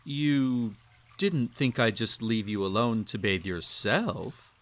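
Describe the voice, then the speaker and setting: In an intimate second-person roleplay monologue, a man voices a cruel, possessive emperor, his medium-pitched delivery lightly acted. He sounds amused and haughty, with silky condescension, drawing out his teasing and chuckling softly.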